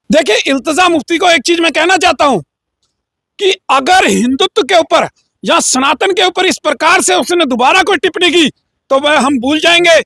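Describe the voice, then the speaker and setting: A man's voice: very high voice, sharp tone, no room sound, studio quality. A man as an interview guest giving a heated, combative political statement with frequent filler phrases. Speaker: interview guest, local group leader.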